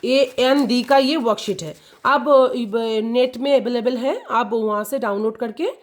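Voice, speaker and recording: A woman explains a grammar lesson to children at an unhurried pace. She repeats words over and over and keeps checking that they follow. Her voice sits a little high. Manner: repeats key words, checks "clear?" and "ठीक है". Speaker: teacher.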